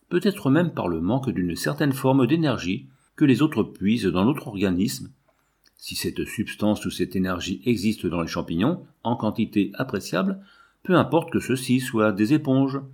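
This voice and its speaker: A man's voice: mid-range voice, a little mellow, husky. A man reading the part of an earnest young scientist who lays out his reasoning patiently.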